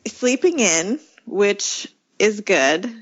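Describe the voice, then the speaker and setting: A woman co-hosting a podcast in casual chat, sounding sleepy and quick to laugh. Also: mid-range voice, lively intonation, dull audio. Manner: laughs readily while talking. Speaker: podcast co-host.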